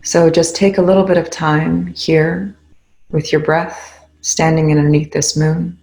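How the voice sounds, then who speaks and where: Her voice sits low and gravelly as she leads a meditation, offering soft, patient instructions without rushing. The recording is of poor quality.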